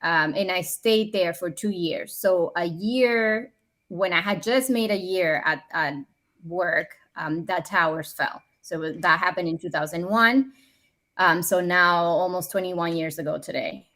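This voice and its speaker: Podcast guest, woman in her forties, from the Dominican Republic, lowish voice, earnest and upbeat. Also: measured pace, a bit bright. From Dominican Republic, raised in New York City. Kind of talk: conversational interview.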